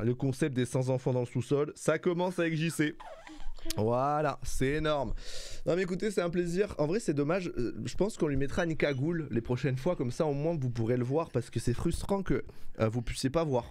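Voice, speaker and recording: A man's voice: medium pitch, a little mellow, no room sound. A man streaming casually, chatting with viewers while playfully cooing at his baby son. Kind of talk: casual live-stream chat.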